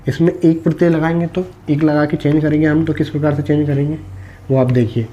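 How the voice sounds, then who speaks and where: A man's voice: fairly high pitch, little pitch movement, brisk, mellow, muffled recording, a little hiss or hum. A man teaching a Hindi spelling lesson for exam students, explaining step by step and answering his own questions.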